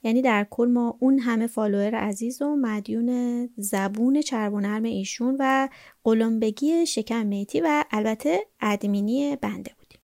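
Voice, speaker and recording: A woman's voice: a little high, gravelly, a little mellow, dry recording, clean studio sound. A woman narrating a story in the first person in a wry, gossipy colloquial way.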